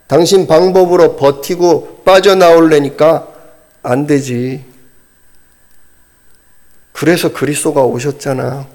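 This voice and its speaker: A man quoting his wife as she patiently reasons with him in slow, steady, point-by-point words during a sermon. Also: fairly high pitch. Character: calm wife patiently reasoning with her husband.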